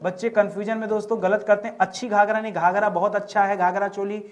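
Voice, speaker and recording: A male teacher giving an exam-prep grammar lesson, who keeps repeating his questions back to the viewers and slows down to spell out key words. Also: sits high, little pitch movement.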